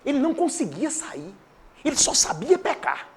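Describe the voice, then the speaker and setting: A man preaching a sermon in a church with a Brazilian Portuguese accent, swinging between loud declarations and hushed asides. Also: very high-pitched, sing-song, moderate pace. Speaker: pastor.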